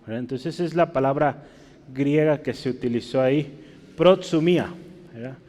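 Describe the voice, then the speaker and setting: A man's voice: medium pitch, normal speed, warm tone, in a large hall. A man preaching a teaching sermon in a church, explaining in a conversational way and often checking with his listeners.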